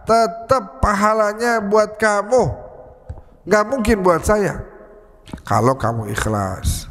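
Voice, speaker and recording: A man giving a dawn sermon in a mosque, chatty and plain, slowing down to chant Arabic verses. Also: high voice, lively intonation, a bit bright. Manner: conversational preaching, slow chanted Arabic quotes. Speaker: preacher. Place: mosque hall. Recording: long mosque hall reverb.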